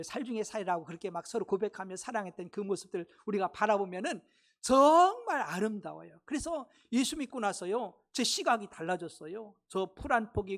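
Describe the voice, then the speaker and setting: A man preaching a sermon in a church, talking in a conversational style with rhetorical questions, swinging between loud exclamations and hushed asides. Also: high-pitched. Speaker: pastor. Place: church sanctuary.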